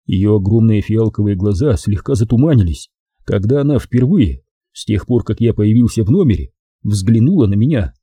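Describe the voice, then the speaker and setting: A man reading a first-person detective novel aloud in an even, measured way. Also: fairly low pitch, breathy edge, no echo. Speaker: audiobook narrator.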